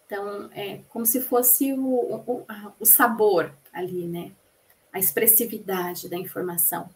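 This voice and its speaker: A woman voicing a lecture for a class, explaining patiently, asking the listeners rhetorical questions, and pausing to restart phrases mid-sentence. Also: mid-range voice, fairly even intonation, a little mellow, a little hiss or hum. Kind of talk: spoken lecture rendering.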